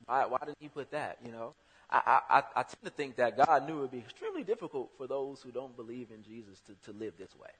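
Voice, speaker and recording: Husky-voiced man preaching in a reverberant hall. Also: medium pitch, lively intonation, fast talker. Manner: conversational, with sudden loud emphatic bursts. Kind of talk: sermon.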